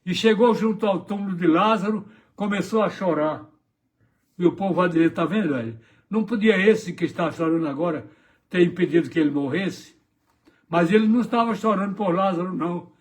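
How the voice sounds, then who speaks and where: A man preaching a morning devotional sermon as a pastor, retelling gospel scenes dramatically and acting out the voices in them. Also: high-pitched.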